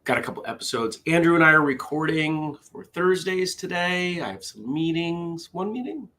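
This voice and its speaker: A tired man hosting a relaxed morning livestream, talking easily to his viewers. His pitch rises and falls a lot, lively and animated even while he sounds worn out. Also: moderate pace. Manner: tired, chatty, reads out viewer comments. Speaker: host. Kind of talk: casual morning livestream chat.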